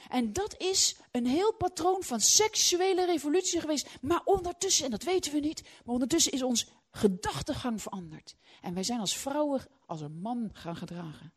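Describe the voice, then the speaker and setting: A middle-aged woman preaching a sermon, emphatic, swinging between loud outbursts and hushed, halting stretches. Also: high voice, lively intonation.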